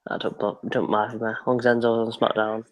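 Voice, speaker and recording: Man, mid-range voice, rambling and easygoing in a relaxed live-stream chat. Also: medium pitch, fast talker, muffled recording. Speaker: co-host of a live reaction stream. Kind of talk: casual chat.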